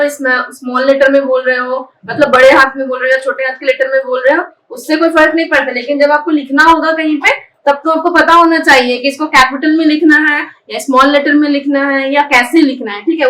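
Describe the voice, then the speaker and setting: A woman's voice: high-pitched, a bit bright, slight background noise. A woman teaching a spoken English class. She spells words out letter by letter, breaks them into syllables and keeps checking that her students are following. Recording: echoey room, voice picked up from a distance.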